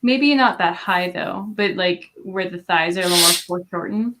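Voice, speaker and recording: A woman's voice: fairly low pitch, normal speed, heavy background noise. A young woman streaming while she draws, chatting casually and thinking aloud with lots of fillers. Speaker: streamer and artist. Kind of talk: casual live-stream chat while drawing.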